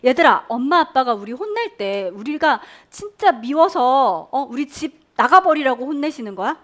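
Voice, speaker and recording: A woman's voice: sits high, normal speed. A woman preaching a Sunday school sermon to children, quizzing them and leading them in repeating phrases. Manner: animated, questioning children and leading call-and-response. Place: church Sunday school room.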